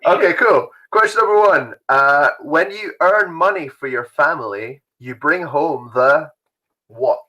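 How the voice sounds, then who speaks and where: A man's voice: fairly high pitch, unhurried, pushed and bright, rough recording. A young man hosting an online youth quiz from home, chatty and rambling, laughing often. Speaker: youth group host.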